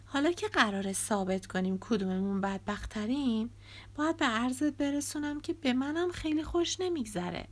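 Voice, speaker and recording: A woman's voice: high-pitched, pitched above the performer's own voice. Defensive young woman, read by a narrator, tense, pleading, audiobook dialogue. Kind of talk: audiobook reading.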